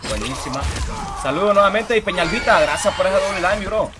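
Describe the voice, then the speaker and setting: A man livestreaming a fighting game, reacting loudly to the matches and greeting viewers in chat by name with casual slang. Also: high-pitched, lively intonation, a little fast. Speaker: streamer. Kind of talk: live gameplay commentary. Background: game music.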